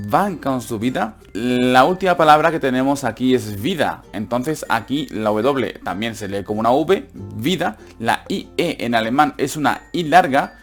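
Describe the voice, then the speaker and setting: A man with a Spanish accent from Spain giving a casual online language lesson, repeating words slowly and patiently to drill pronunciation. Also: medium pitch. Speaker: online German teacher.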